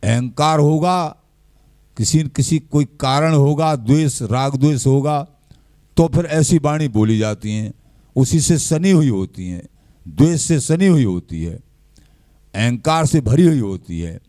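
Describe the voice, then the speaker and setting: A man giving a slow, measured devotional discourse, often quoting scripture verses. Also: medium pitch, no room sound, clean studio sound. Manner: slow, measured, quotes verses and scripture in a lively rise and fall. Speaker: spiritual teacher.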